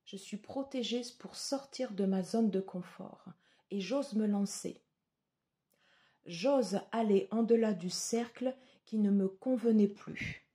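A woman giving a tarot reading to her viewers, slow and hesitant with many fillers. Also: mid-range voice, warm tone. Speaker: tarot reader.

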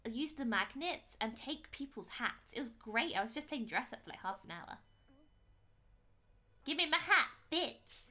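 A young woman streaming a video game live, excitable and giggly as she chats. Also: high-pitched. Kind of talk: live gameplay chat.

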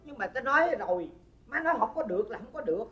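A woman's voice: fairly high pitch, sing-song, quick pace, a bit bright, muffled recording. A woman playing a fussy, picky older mother in a comedy sketch, scolding her son in an exaggerated, nagging way with a Southern Vietnamese accent.

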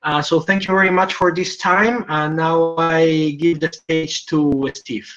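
A man's voice: fairly high pitch, fairly even intonation, unhurried, a bit bright, faint music behind. A man presenting a project over a video call, speaking hesitantly with many fillers. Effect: heard over a video call. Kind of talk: presentation on a webinar. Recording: dull lo-fi video call audio.

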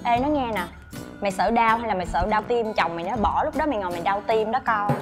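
Actress as a flashy friend, mocking and bossy, rapid-fire delivery. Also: female voice, medium pitch, music in the background, natural voice. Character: brash flashy woman mocking her plain friend. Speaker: actress in a TV drama.

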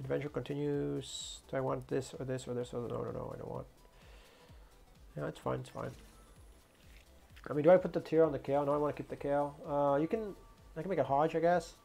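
A man streaming a strategy game, thinking aloud about his moves in low mutters with sudden excited outbursts. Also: gravelly, soft background music. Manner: mutters plans to himself, quick bursts of surprise. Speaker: gaming streamer. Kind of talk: gameplay commentary, thinking aloud.

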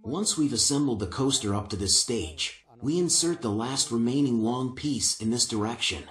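An older man explains each step of assembling a wooden piece in a calm, methodical way. His voice sits in a middle register and carries a noticeable room echo from the workshop around him. He speaks on a lapel mic. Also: mid-range voice, normal speed. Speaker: woodworking instructor. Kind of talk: step-by-step craft instruction. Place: indoor woodworking workshop.

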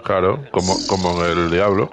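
A man's voice: low-pitched, moderate pace, over a noisy crowd. A man in his forties with a Spain Spanish accent, chatting casually with friends over voice chat while gaming. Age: 40s. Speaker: gamer in voice chat.

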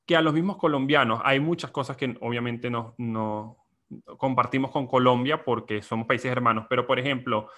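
A man's voice: mid-range voice, normal speed, pushed and bright. A young Venezuelan man hosting a casual podcast chat, reflective and explaining at length with plenty of fillers. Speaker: podcast host.

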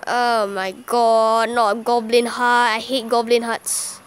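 A woman with a high voice gives live commentary over a mobile game she is playing. She reacts loudly to every move, cheering and groaning by turns. She talks in a casual, excitable way, as a channel host would with her viewers. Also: slow pace, clear, resonant tone. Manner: excitable, exclaiming and groaning at each play.

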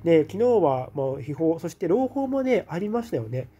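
A man hosting a casual live stream, reading viewer comments aloud and answering them with soft hums of agreement. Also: on the high side, big pitch swings, moderate pace, breathy edge.

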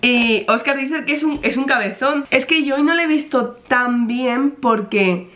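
A woman's voice: high voice, measured pace, fairly bright tone. A young pregnant woman chatting casually to camera, rambling with many fillers. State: pregnant, in some pain. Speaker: vlogger.

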